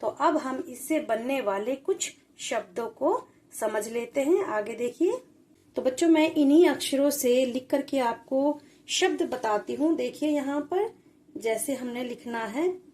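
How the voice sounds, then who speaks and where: A woman with a high voice teaches young children to read, patiently sounding out each syllable before saying the whole word. She speaks very slowly and deliberately, like a classroom lesson. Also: lively intonation, mellow, slight background noise. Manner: slow, patient, spells out syllables one by one. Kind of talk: children's Hindi spelling lesson.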